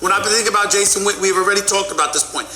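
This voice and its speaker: A man's voice: high-pitched, racing, bright, forceful tone. Sports debate guy, hammers the same question over n over, roomy studio sound. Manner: emphatic, repeats himself to press a point. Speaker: sports commentator.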